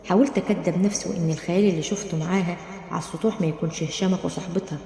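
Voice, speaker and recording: Fast-talking Egyptian woman storyteller. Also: lowish voice, steady tone, dark tone. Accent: Egyptian Arabic. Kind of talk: dramatic first-person storytelling. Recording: roomy, long reverb.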